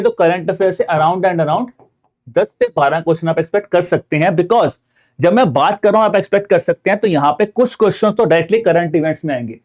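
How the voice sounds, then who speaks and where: A man with an Indian accent teaches an online exam-preparation class, his voice sitting a little higher than most men's. He explains point by point, keeps addressing his viewers as friends, and mixes English terms into his speech. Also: darkish tone. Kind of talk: online lecture.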